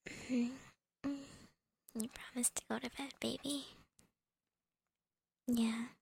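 In an ASMR girlfriend roleplay, a young woman whispers close to the mic, airy and breathy, her voice full of gravelly fry. Her soft teasing comes with little laughs, at an unhurried pace and a slightly high pitch that hardly shifts, keeping a level tone throughout.

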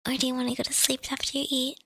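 Brief: woman voicing a tender girlfriend, bright hushed tone, hesitant and giggly. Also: high-pitched, completely flat delivery, rapid-fire, husky, dry recording, clean studio sound, heavily acted. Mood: affectionate. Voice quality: soft, often whispered. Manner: hesitant, giggly, lots of fillers. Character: affectionate girlfriend welcoming partner home. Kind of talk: audio roleplay.

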